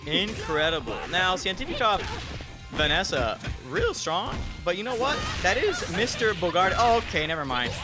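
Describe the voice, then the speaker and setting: A high-voiced man gives casual esports commentary over game music. His pitch swings widely, and his delivery is slangy and excitable, often halting and repeating phrases. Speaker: tournament commentator.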